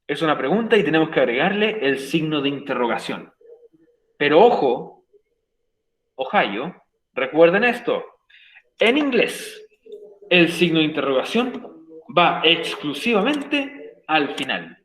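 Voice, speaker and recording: A man with a Chilean Spanish accent teaches an online English class over a computer mic. His voice sits a bit high for a man, he stresses and repeats each rule, and keeps checking in with his students. The sound is roomy and echoey. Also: big pitch swings, a little slow, pauses often, fairly bright tone. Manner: repeats points, emphatic, checks in with "ok?".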